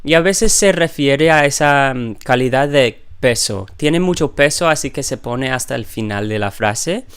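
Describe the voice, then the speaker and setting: A man teaching a grammar lesson, explaining step by step, often pausing to correct himself. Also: mid-range voice, animated, fairly bright tone, clear, resonant tone. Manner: explanatory, with frequent self-corrections and fillers. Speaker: language teacher. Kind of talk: grammar lecture.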